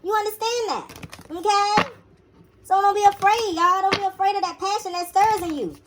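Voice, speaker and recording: A woman's voice: very high voice, moderate pace, background noise. A woman giving a blunt, profane motivational sermon to her listeners, casual and slangy, repeating her commands with emphasis. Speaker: spiritual teacher.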